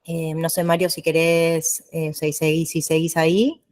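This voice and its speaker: A woman with a Rioplatense accent and a fairly low voice moderates an online Q&A. She talks briskly and informally as she hands the turn to the next person. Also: little pitch movement, darkish tone. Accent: Rioplatense Spanish.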